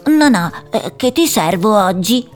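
Easygoing mouse baker, woman voicing him, plain calm storybook voice. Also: mid-range voice, measured pace, faint music behind, close to an everyday voice. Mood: friendly.

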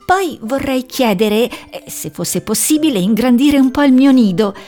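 A woman voicing a young female owl who is cheerful and caring, talking in a bright, reassuring way. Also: sits high, expressive, normal speed, soft background music. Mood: earnest. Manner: bright, reassuring, a little anxious underneath.

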